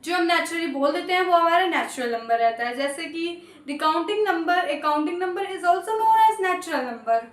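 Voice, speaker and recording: A woman's voice: very high-pitched, animated, unhurried, few pauses. A young woman teaching a maths lesson to students, chatty and coaxing, often asking them to promise to study. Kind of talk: casual online lesson. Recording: echoey room.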